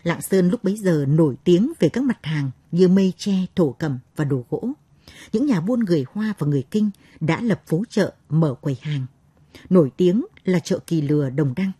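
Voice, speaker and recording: A woman reading a novel aloud as narrator, in steady, measured storytelling. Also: lowish voice, husky, no echo. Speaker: audiobook narrator.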